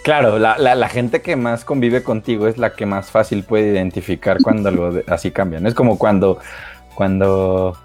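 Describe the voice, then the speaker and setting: A man's voice: fairly low pitch, fairly even intonation, normal speed, darkish tone, faint music behind. A man co-hosting, chatting casually and rambling with many fillers. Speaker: co-host. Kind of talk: casual chat.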